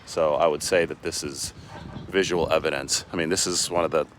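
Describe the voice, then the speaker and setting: Man, very low voice, sports reporter, casual walking vlog, rambling restarts, outdoors, handheld phone. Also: fairly even intonation, brisk, slight background noise. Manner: chatty, rambling, frequent restarts. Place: outdoors on city streets and in a park. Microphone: handheld phone camera while walking.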